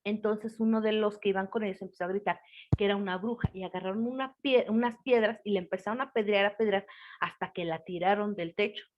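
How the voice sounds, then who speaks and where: A woman telling a folk tale in a relaxed conversational way, with many fillers. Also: mid-range voice, quick pace. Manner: conversational, many fillers, voices quoted characters. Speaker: storyteller. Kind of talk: casual spoken folk tale. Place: lives in Tlaxcala. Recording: dull lo-fi recording.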